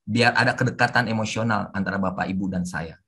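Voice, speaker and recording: Guy teaching over webinar, gravelly and a bit husky, punchy strong intonation. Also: on the low side, fast talker. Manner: forceful, emphatic intonation; mixes English terms into talk. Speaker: civil service trainer. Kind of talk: webinar lecture. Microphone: online webinar audio.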